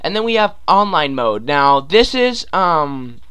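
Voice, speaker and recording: Sounding sharp and clean, a young man's fairly high voice moves a little slowly but with big swings in pitch. He's a gaming YouTuber with a sore throat and a stuffy nose, and his talk over a screen-recorded game tutorial wanders, stuffed with fillers and restarted sentences.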